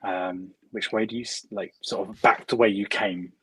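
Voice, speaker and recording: A man's voice: lowish voice, fairly even intonation, normal speed, sharp tone, slightly rough, no echo, poor audio. A man narrating as dungeon master in a casual, hesitant way, full of "um" and "sort of". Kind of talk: narrating a tabletop game.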